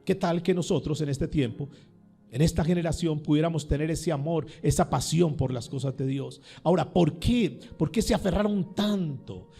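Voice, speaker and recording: A man's voice: on the high side, vocal fry, dark tone, slightly rough. A male pastor preaching a sermon, firing questions at his congregation and repeating words for emphasis.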